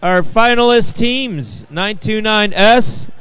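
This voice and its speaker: A man's voice: high-pitched, slow pace, fairly bright tone, clean tone, dry recording, rough recording. A man running the awards at a school robotics tournament, cheerfully calling teams up for pictures. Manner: cheerful, directing teams and crowd. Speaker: event organizer handing out awards. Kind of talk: live event announcing.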